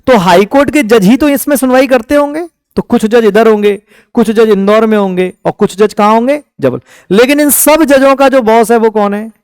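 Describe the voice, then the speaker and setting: A man's voice: very high-pitched, moderate pace, darkish tone, clean tone, no echo, studio quality. A man from India, teaching an exam-prep lecture. He keeps asking the class questions and then answers them himself.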